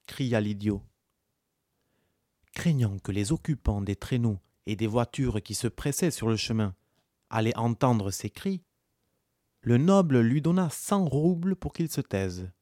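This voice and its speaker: Calm guy reading an old folk tale, slow and measured, dry close sound. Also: mid-range voice, no room sound. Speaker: narrator. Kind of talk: scripted narration of a folk tale.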